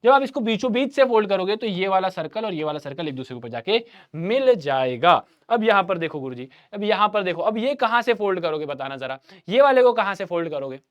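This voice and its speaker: Lively animated maths teacher. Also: male voice, high voice, a little fast, hardly any pauses. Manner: lively Hindi teacher, addresses students as bhaiya, voices their replies. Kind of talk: online revision class.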